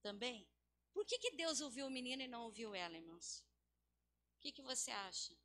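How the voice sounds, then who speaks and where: High bright-voiced impassioned woman preacher. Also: expressive, fairly quick. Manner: impassioned, swings from loud exhortation to low hushed tones. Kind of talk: sermon. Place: church.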